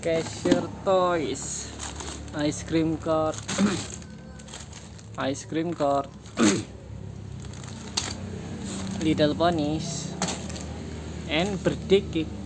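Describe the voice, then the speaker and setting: Slow-talking woman saying wow. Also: sits low. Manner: exclaims "wow" constantly, names each toy in short bursts. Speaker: toy unboxing vlogger. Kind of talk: toy show-and-tell narration. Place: indoors on a tiled floor. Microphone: phone camera held over toys. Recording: noisy phone recording.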